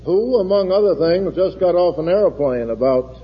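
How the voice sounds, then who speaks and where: A man's voice: high-pitched, expressive, moderate pace, slightly rough. A man chairing a forum, giving a formal introduction with dry joking asides, his voice echoing through a big hall. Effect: big hall echo. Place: large lecture hall. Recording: lo-fi archival recording, long hall reverb.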